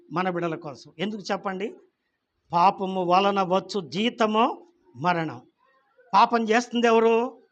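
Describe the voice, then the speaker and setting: A male pastor preaching a sermon, asking his listeners questions and swinging between loud emotional peaks and quiet low asides. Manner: asks the congregation questions.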